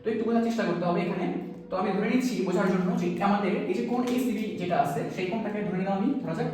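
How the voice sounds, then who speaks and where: Teacher talking quick, always asking "get it?", sounds far off in a big echoey room. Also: mid-range voice, darkish tone. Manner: keeps quizzing students with quick rhetorical questions; repeats key terms to drill them in. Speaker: math teacher. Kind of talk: classroom-style math lesson.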